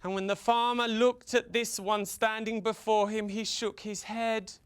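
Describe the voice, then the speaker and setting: This storyteller, a man from the UK, acts out a children's folktale with theatrical flair, drawn-out emphasis, repetition and dramatic pauses. His high-pitched voice stays level, and the sound is clean.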